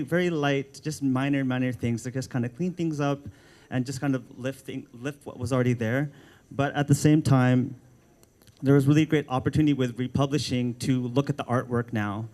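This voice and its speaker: A Filipino American art director from the United States speaks at a book launch, sounding hesitant and pausing with frequent ums and restarts. His voice is mid-range and slightly mellow.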